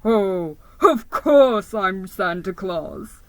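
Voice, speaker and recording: Woman playing booming, jolly old Santa Claus. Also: lively intonation, drawn-out words, fairly bright tone, no echo. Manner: booming, hearty.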